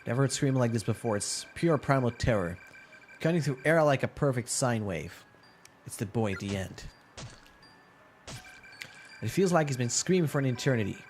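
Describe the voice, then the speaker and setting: A man's voice: mid-range voice, lively intonation, normal speed, pauses often, darkish tone, soft background music. A man streaming a horror game, reading its text aloud in a dramatic first-person voice with wry asides.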